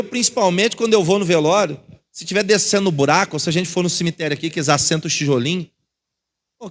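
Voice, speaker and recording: High-voiced Brazilian pastor preaching. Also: male voice. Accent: Brazilian Portuguese. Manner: conversational preaching with anecdotes, addresses congregation as irmãos. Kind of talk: sermon. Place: church.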